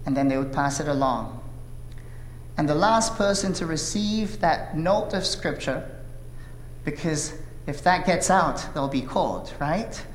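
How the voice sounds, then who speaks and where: Preaching a sermon that starts with an opening prayer, this pastor is a man in his thirties from South Korea whose first language is Korean. His voice sits on the high side, his tone earnest and deliberate with many "uh" fillers, and the sanctuary's reverb carries faint room noise.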